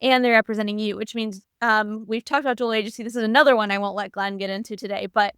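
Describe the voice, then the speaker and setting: A woman co-hosting a real estate podcast, chatty and informal, with quick asides. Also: medium pitch, fairly even intonation, a bit bright, clear, resonant tone, dry recording, studio quality. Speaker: podcast co-host. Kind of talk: casual podcast chat.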